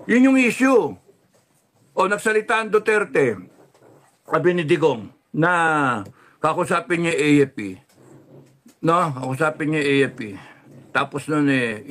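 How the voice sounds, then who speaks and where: Man, political rant, raised pitch, heated and cursing, drops low to steady himself. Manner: heated, cursing, swings between shouting and low controlled talk. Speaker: political commentator. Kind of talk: angry political rant livestream.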